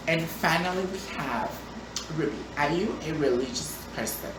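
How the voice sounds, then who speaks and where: A woman's voice: low-pitched, lively intonation, moderate pace. A woman vlogging, answering viewer questions in a chatty, playful way with frequent ums and restarts. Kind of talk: casual Q&A vlog. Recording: echoey room, distant mic, background noise.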